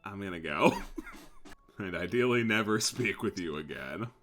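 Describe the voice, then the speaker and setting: A man's voice: sits low, animated, moderate pace, fairly bright tone, soft background music. A man trading improvised comedic banter in a dry, teasing manner.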